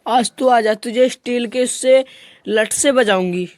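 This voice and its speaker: A woman voicing a sharp-tongued mother who scolds her husband in a comedy skit. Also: fairly high pitch, unhurried, no echo, natural voice. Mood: angry. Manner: snapping, scolding.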